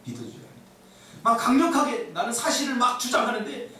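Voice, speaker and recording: A man preaching a sermon as a pastor, animated, acting out the voices he quotes. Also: extremely high pitch, a little fast, slight background noise. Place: church sanctuary. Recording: echoey church hall, mic at a distance.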